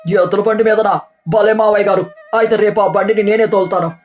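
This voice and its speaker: Someone voicing a cocky young city guy, bossy son-in-law, loud n proud, cartoon story. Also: medium pitch, steady tone, brisk, faint music behind, close to an everyday voice. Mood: boastful.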